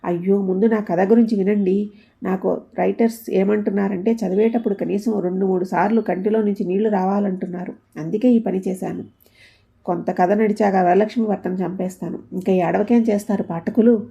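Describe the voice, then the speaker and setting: Touchy wife who writes stories, quick sharp retorts; a woman narrator reads her plainly. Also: medium pitch, fairly even intonation, gravelly, highs cut off, close to an everyday voice. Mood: eager. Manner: tearful then snappish retorts. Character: emotional young wife, aspiring writer, sharp-tongued.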